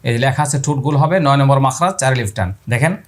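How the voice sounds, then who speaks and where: A man's voice: mid-range voice, fast. A man teaching Quran pronunciation, repeating letter sounds aloud and asking viewers to watch his mouth. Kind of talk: spoken lesson on letter pronunciation.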